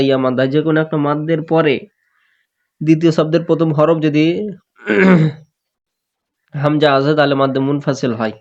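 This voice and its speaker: A man teaching Quran recitation rules step by step, slowly drawing out sample words and often clearing his throat. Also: on the high side. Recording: dull lo-fi recording.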